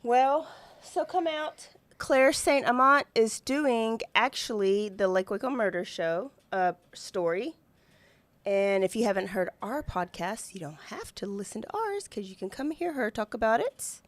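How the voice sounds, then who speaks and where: A woman's voice: a little high, lively intonation, unhurried, no echo. A woman with a Southern American accent co-hosting a podcast in casual, chatty banter. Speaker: podcast co-host.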